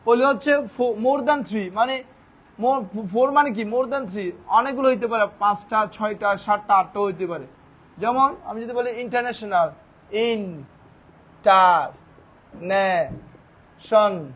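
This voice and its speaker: A man's voice: very high voice, fairly bright tone. A man teaching English grammar, asking questions and answering them himself while sounding out words syllable by syllable. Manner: speaks in an informal classroom way. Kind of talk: classroom-style grammar lesson.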